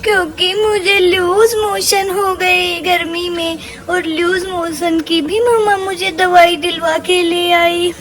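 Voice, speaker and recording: Woman doing a high, slow cutesy baby boy. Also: level tone. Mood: playful. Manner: cutesy baby talk with doubled words. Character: playful cheeky baby boy. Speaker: parent vlogger voicing her baby. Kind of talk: baby-voice vlog narration.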